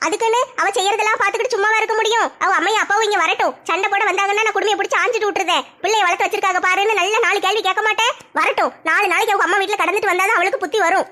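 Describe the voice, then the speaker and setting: A woman's voice: fairly even intonation, sharp tone. A woman playing a fretful, scheming middle-aged village mother-in-law in a comic skit, grumbling to herself in a Tirunelveli Tamil accent. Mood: defiant. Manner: rapid shrill grumbling to herself.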